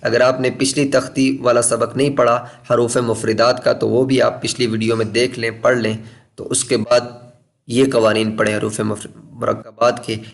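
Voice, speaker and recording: A male Quran teacher with a medium-pitched voice talks through a lesson one careful step at a time. He repeats each key point and stretches letter names out slowly when he shows how they should sound. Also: little pitch movement, vocal fry. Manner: patient, deliberate explanations, repeating key points.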